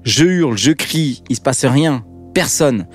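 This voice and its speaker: Un homme au registre moyen raconte son histoire avec un ton vivant et familier, sur une faible musique de fond. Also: male voice, mid-range voice, measured pace, faint music behind. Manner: lively, dramatic, casual slang. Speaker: podcast guest telling his story. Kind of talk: personal storytelling.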